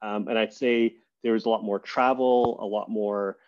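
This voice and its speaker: A man with a lowish voice speaks as a podcast guest. He is casual and unhurried, circling back to restart his thoughts. The audio sounds slightly muffled. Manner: relaxed, thoughtful, many fillers and restarts. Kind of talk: casual interview conversation.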